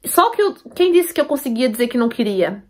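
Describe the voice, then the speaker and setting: A woman's voice: a little high, sing-song, fairly quick. A woman tells a personal story to her viewers, emphatic and repeating herself, often checking that they follow. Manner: emphatic, repeats herself, asks listeners for agreement.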